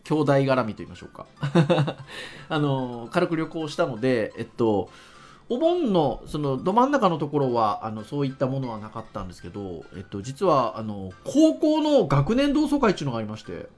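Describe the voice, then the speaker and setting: A man's voice: mid-range voice, very animated, moderate pace, a little mellow, faint music behind. A man in his early fifties co-hosting a podcast chat in very formal, ultra-polite Japanese. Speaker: podcast co-host.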